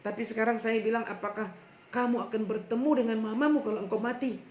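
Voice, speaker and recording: Preacher acting out a confused nervous pastor, pitched up high, hesitant, roomy echo. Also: male voice, quick pace, slight background noise. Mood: bewildered. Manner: hesitant, bewildered. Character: anxious, puzzled male pastor in debt. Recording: echoey room with faint ambience.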